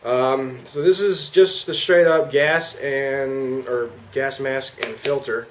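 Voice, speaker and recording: A man's voice: mid-range voice, fairly even intonation, takes it slowly, fairly bright tone. A man giving a casual, slangy product demonstration as an amateur reviewer. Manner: informal, slangy. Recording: clear background noise.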